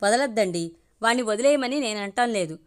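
A woman's voice: on the high side, expressive, fairly quick, natural voice. Woman voicing an anxious, pleading mother. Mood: worried. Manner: pleading, fearful. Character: anxious middle-aged wife and mother.

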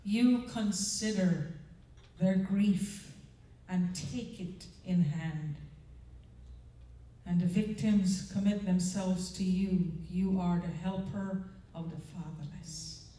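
On a large church auditorium stage, an older woman holds a handheld mic to give a chapel devotional and prayer. Her fairly low, warm voice moves slowly in an earnest, conversational way, often checking in with listeners, and sounds distant in the echoey hall.

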